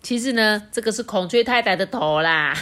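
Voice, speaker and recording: A woman reading a picture book aloud to her child, lively and asking the child questions. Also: mid-range voice, a little fast.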